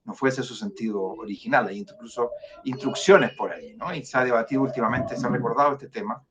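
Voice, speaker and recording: A Chilean man, director of a foundation, speaking as a guest in an online interview. He talks in a measured, hesitant way with many fillers and restarts. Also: mid-range voice, noisy background.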